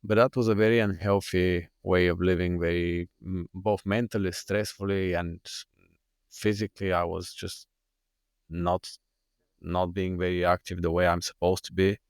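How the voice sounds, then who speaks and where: A Bulgarian man telling his own story as a podcast guest, earnest and halting with many restarts. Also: low-pitched, little pitch movement, clean tone, no echo, clean studio sound. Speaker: guest, fitness coach. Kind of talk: podcast interview.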